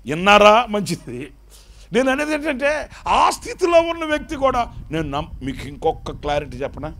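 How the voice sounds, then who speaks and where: A man pastor preaching a lively sermon, asking the congregation questions and acting out the story. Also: high voice, moderate pace. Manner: animated call-and-response preaching.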